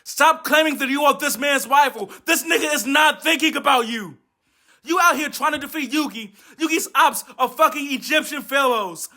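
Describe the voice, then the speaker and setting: A man's voice: very high voice, moderate pace, sharp tone. A man doing a comedic anime commentary rant, exasperated, profane and mocking. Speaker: video essayist.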